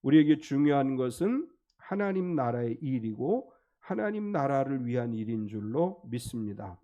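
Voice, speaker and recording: A man's voice: medium pitch, big pitch swings, moderate pace, highs cut off. A male pastor preaching a sermon, explaining the text emphatically and acting out quotes.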